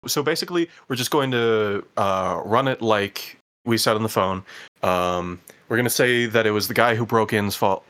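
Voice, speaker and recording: A man's voice: fairly low pitch, normal speed, a bit bright. A man playing a tabletop game, casually rambling through a plan with lots of filler words. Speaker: player. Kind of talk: casual tabletop play chat.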